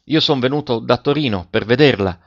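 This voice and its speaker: Man voicing a middle-aged ex-pupil, warm, polite, earnest, dull lo-fi recording. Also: medium pitch, brisk, lightly acted.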